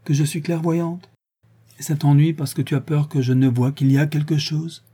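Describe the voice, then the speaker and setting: A man's voice: moderate pace, husky. A man voicing a teasing, clever young woman in a read-aloud novel, in a raised, playful voice. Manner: lively, teasing, higher voice.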